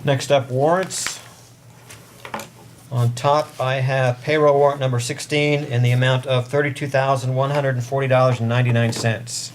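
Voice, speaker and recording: A man speaks up to carry across a meeting room as he chairs formal board business. His delivery is even and flat in pitch, at a medium register, with some room noise behind him. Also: moderate pace. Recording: noisy meeting room audio with ambience.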